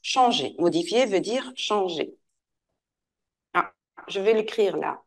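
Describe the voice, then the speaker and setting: A woman teacher leads a French lesson. She speaks patiently at a mid pitch, repeating and slowly modeling words so the pupil can follow. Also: animated.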